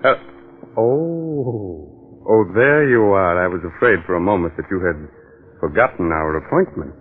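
An actor playing a macabre, teasing horror host with sinister mock politeness, in 1940s radio style. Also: male voice, deep voice, lively intonation, measured pace. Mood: teasing, ominous. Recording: muffled old radio recording.

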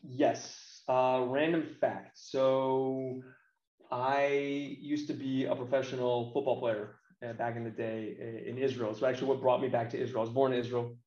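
This interview guest, an American games marketer in his late thirties, speaks bluntly and colloquially in casual opinionated chat. His mid-range voice is a little mellow, with little pitch movement at normal speed, and the recording has roomy echo and a slightly dull sound.

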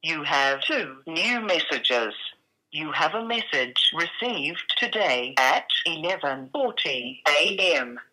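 A woman putting on an automated voicemail voice, slow and measured, through a phone filter. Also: low-pitched, big pitch swings, pushed and bright, full character voice, low-quality recording. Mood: flat.

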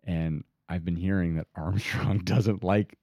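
A man's voice: low-pitched, steady tone, measured pace, a little mellow, dry recording, studio quality. A man hosting a casual in-person chat, telling stories in a joking way and laughing often. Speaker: podcast host. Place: in person, indoors.

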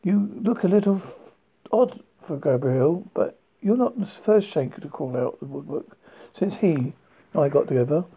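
Reader doing an angry woman in her forties, scornful, gravelly, tinny phone-like sound. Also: low-pitched, animated, moderate pace, exaggerated voice. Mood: accusing. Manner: accusing, scornful.

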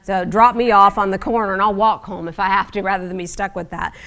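A woman's voice: medium pitch, steady tone, quick pace, a bit bright. A middle-aged woman preaching a sermon in a conversational, wry teaching manner with frequent asides.

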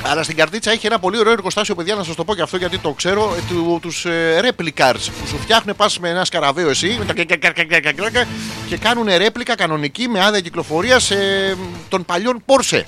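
A man's voice: high-pitched, few pauses, faint music behind. A man in his forties hosting a comedic radio show, rambling crudely through listener messages with sudden outbursts. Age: 40s. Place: radio studio.

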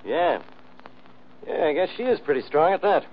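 An American actor playing a stubborn, blustering middle-aged police inspector in a 1940s radio mystery, blunt and insistent, on an old recording. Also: male voice, a little high, very animated, moderate pace, lo-fi sound, a little hiss or hum. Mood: skeptical. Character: blustering, hard-nosed police inspector man, stubborn and boastful.

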